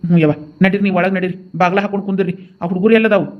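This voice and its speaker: A dutiful young village man in a cartoon, voiced by a man who speaks very fast in a high, flat voice. He, and the dubbed sound is dull. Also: natural voice. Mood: hurried. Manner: hurried, instructing.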